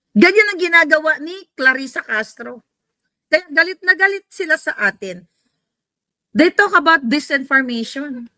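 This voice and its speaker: A woman's voice: sits high, pushed and bright, dry recording. A woman with a Filipino accent giving heated, mocking political commentary, mixing in English asides.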